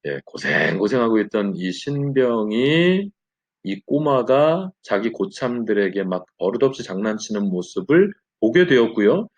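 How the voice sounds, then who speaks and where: A man leads a Bible lesson with a slightly husky voice, telling his story with animated, wide-ranging pitch. He fills pauses with short affirming words. The recording sounds dull and lo-fi. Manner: animated storytelling with frequent "예" fillers. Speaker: Bible study teacher.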